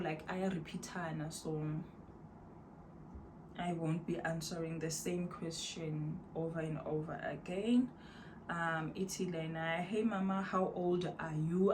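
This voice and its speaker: South african woman in her 30s, low easy voice, takes her time, bit of noise behind her at home. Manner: laid-back, rambling, warm addressing of viewers as "my loves". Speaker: vlogger. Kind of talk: casual chat to camera, mixing in Zulu phrases. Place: at home, indoors.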